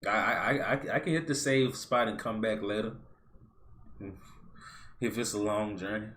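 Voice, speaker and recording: A man's voice: on the low side, normal speed, a bit bright. Playful colloquial man, joking. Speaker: guest. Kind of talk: casual chat.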